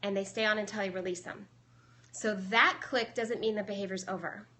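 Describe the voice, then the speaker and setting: A young adult woman with a bright, forward voice, talking through her training methods in a loose, chatty way. She explains things step by step, with plenty of ums along the way, as she answers viewers live. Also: medium pitch, fairly even intonation, a little fast, slight background noise. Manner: chatty, explanatory, many fillers. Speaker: dog trainer.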